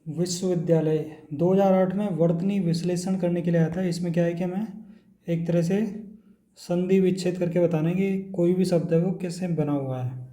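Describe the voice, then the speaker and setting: Roomy, dark-toned male teacher drilling spelling. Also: high voice, moderate pace. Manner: steady, drilling word by word. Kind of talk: exam-prep lesson.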